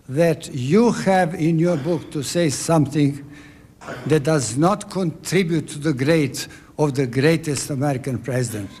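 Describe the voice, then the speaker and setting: A man's voice: a little high, darkish tone, husky. Serbian-accented man making formal remarks. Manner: earnest, formal, stumbling at times. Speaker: audience member asking a question.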